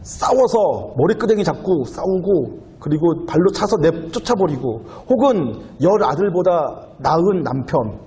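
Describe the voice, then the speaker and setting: A man's voice: on the high side, very animated, measured pace, few pauses, warm tone. A young adult male pastor giving a sermon in a conversational way, asking the listeners questions and acting out quoted lines in a raised voice. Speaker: youth pastor.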